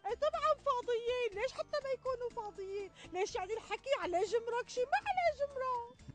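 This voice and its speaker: Middle-aged Syrian village woman, extremely high voice, chatty and exasperated, full of rhetorical complaints, TV sketch. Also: brisk, faint music behind. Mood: indignant. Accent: Syrian Arabic. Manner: exclaiming, complaining, rhetorical questions. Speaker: actress in a TV sketch. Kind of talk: dramatic sketch dialogue. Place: outdoors in a leafy garden.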